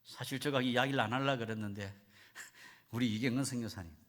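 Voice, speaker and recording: A man, a missionary, preaching a sermon and telling stories with lively delivery. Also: medium pitch, quick pace. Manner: lively storytelling, acts out voices.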